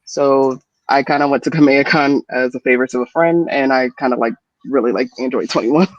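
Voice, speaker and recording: A man's voice: mid-range voice, fairly even intonation, brisk, no room sound. A man from Japan speaks easily and casually, hedging his points as he goes. His voice is dry and close, with dull lo-fi call audio. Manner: easygoing, hedging with "kinda" and "like". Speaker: cosplayer guest. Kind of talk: casual group chat.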